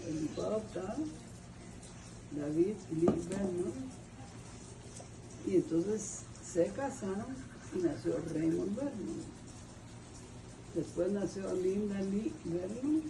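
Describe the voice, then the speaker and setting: An older woman with a Guatemalan accent from Guatemala, telling family history in an oral history interview, rambling and searching for names. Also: mid-range voice. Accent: Guatemalan Spanish. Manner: rambling storyteller, restarts and hunts for names. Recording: distant mic, noisy with birds cooing.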